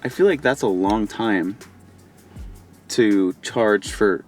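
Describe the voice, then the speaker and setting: A man's voice: lowish voice, slow pace, faint music behind. Easygoing Southern man in a car. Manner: relaxed, chatty, thinks aloud. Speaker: vlogger driving an electric car. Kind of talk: casual road trip vlog chat. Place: inside a car.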